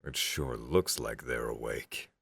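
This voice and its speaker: A man voicing a grim human commander who speaks low and steady in an audiobook story. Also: slow pace, gravelly, husky, dry recording, heavily acted.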